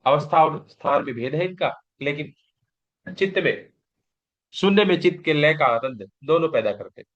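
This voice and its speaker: In this dull, lo-fi class recording, a man leads a yoga exam-prep lecture with patient explanations, frequently asking his own questions and answering them. His voice is fairly high, animated, and a bit bright, moving at a moderate pace.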